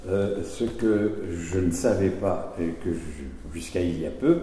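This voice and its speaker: Deep-voiced man interviewer in echoey hall. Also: unhurried, a little hiss or hum. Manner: attentive, soft backchannel murmurs. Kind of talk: conversational interview. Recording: echoey hall with long reverb.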